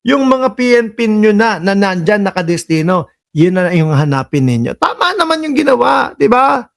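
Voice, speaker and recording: A Filipino man with a high-pitched voice, speaking at normal speed, hosts political reaction commentary. Sarcastic and animated, he scolds the people in the clips and reads out viewer comments.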